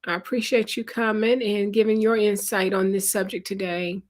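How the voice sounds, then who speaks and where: A woman's voice: mid-range voice, level tone. A woman hosting a live stream in a casual, conversational way, greeting viewers by name and reading their chat comments aloud. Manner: unhurried, conversational. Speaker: livestream host.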